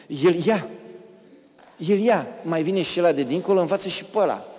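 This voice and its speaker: Animated man lecturing in a hall. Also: high-pitched. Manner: animated anecdotes, acts out quoted characters. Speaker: speaker giving a public lecture. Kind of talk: storytelling lecture with audience Q&A. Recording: long reverb of a lecture hall.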